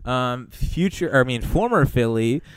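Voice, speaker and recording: A man's voice: medium pitch, expressive, moderate pace, clear, resonant tone, dry recording. A man chatting casually as a sports talk podcast host, with a teasing, needling way of talking.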